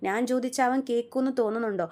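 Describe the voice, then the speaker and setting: A woman's voice: a little high, very fast, a little mellow, lightly acted. A woman voicing an angry young husband who drives a taxi, asking bitter rhetorical questions.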